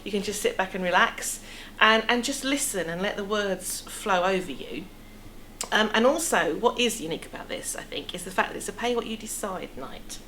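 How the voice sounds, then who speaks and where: A middle-aged Englishwoman, a theatre producer, chats casually through an interview in an indoor theatre foyer café seating area. Her mid-range voice is expressive and fairly bright, moving at a moderate pace. The recording is low quality, with clear background room noise.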